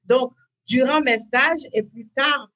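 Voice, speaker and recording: A woman, talking as an interview guest in a hesitant way, with many fillers and repeats, then bursts of lively emphasis. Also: high voice, takes it slowly. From Benin. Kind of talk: conversational interview.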